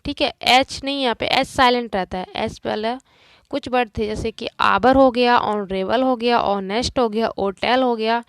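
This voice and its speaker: A woman's voice: fairly high pitch, no echo. A woman teacher working through a grammar lesson, explaining each answer step by step and asking and answering her own questions.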